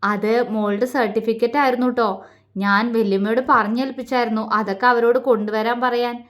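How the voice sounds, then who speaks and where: A protective elder brother talks gently and reassuringly, as a woman narrator puts him on. His tone is warm with light teasing. It is a read-aloud audio story. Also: a little high, fairly even intonation, fairly quick, close to an everyday voice. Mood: gentle.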